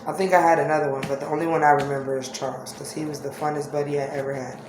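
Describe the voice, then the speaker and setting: A woman vlogger telling personal stories casually to her viewers, candid, halting and reflective. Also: deep voice, flat delivery. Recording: echoey room with faint-to-clear background noise.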